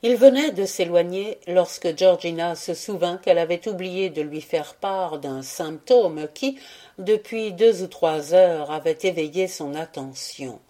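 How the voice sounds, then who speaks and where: A woman reading a classic tale aloud as an audiobook narrator, with steady, measured storytelling. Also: on the low side. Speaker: audiobook reader.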